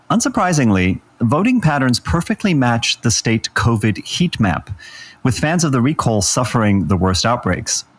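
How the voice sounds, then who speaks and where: A male podcast co-host with a fairly low voice reads a scripted episode introduction. His delivery is measured and even. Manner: measured read-aloud delivery.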